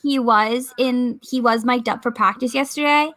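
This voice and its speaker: Young female co-host, higher voice, dry close sound, chatty and giggly. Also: steady tone, normal speed, fairly bright tone, dry recording. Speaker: podcast co-host. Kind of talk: casual sports chat.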